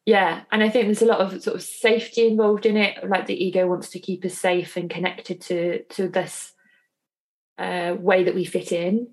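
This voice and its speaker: A woman with a fairly low voice co-hosts a podcast. She talks in a reflective, unhurried chat, trailing off and circling back with fillers as she thinks. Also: little pitch movement. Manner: thoughtful, hesitant, many fillers. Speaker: podcast co-host.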